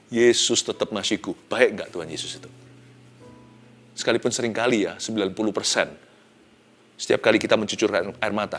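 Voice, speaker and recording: A male pastor, giving an expressive devotional sermon that swings from hushed to loud and mixes in English phrases. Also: mid-range voice. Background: soft background music.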